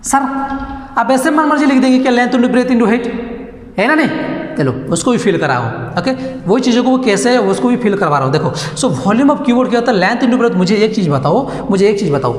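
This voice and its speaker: A male maths teacher with a fairly high voice, recorded in a room with a long, ringing echo. He speaks straight to his class and keeps asking them questions as he explains, and he moves back and forth between Hindi and English. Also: lively intonation, normal speed. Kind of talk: classroom lesson to students. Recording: echoey room with long reverb.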